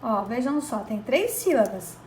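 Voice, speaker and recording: A woman's voice: fairly high pitch, lively intonation, darkish tone, a little hiss or hum. Patient teacher, woman, roomy sound. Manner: slow, patient, stretches out syllables, checks in with "certo?". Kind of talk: children's grammar lesson.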